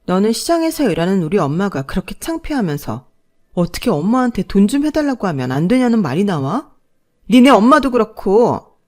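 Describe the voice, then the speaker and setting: A woman's voice: medium pitch, sing-song, normal speed, darkish tone, voice pushed up. A woman voicing a furious adult daughter who scolds sharply and indignantly.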